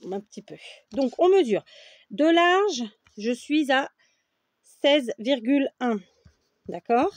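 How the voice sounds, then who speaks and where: Higher-voiced woman explaining a craft step by step. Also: lively intonation, slow, long pauses, no echo. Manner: explains step by step while measuring and cutting; keeps checking in with viewers. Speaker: crafting tutorial host. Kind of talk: casual craft tutorial.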